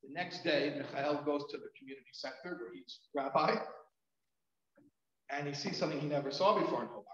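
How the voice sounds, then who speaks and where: Man, rabbi, storytelling, somewhat high voice, very echoey dull hall sound. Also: a little fast. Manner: animated, chatty, many fillers and restarts. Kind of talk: storytelling talk at a community event. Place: community event hall.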